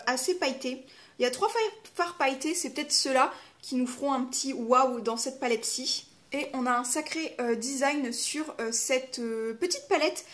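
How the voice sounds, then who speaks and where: Une femme qui parle de façon décontractée en déballant des calendriers de l'avent, avec beaucoup d'hésitations et d'autocorrections. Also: female voice, sits high, fairly bright tone. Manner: chatty, lots of fillers, self-correcting. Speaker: vlogger opening advent calendars. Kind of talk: casual unboxing chat.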